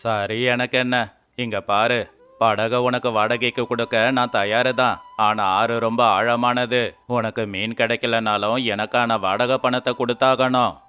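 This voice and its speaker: A man voicing a greedy, scornful older male boat owner in an animated storybook, talking down in slow, drawn-out mockery. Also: mid-range voice, smooth. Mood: mocking.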